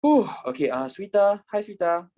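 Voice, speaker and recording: Here the man's voice is high and sing-song, dark in tone, at a moderate pace. He's a twenty-something trading teacher finishing a laid-back online session, full of swearing, repetition, and frequent "you know?"s.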